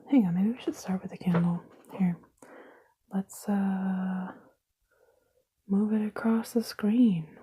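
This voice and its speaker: Indoors at a table, a woman whispers throughout an ASMR video, recorded close up on a camera mic. Her soft, unvoiced whisper is medium-pitched and slightly rough as she cracks sarcastic, self-mocking jokes.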